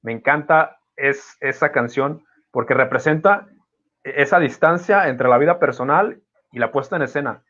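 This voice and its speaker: A man's voice: mid-range voice, moderate pace, pushed and bright. Man, thoughtful host, hesitant restarts, muffled lo-fi sound. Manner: reflective, many fillers and restarts. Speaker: podcast host. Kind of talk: casual conversation. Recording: dull lo-fi audio.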